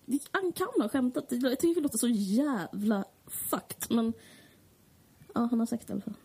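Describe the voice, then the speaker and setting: A woman's voice: on the high side, expressive, dark tone, husky. A woman co-hosting a podcast, talking in a rambling, frank and sardonic way. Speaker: podcast co-host. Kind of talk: casual chat.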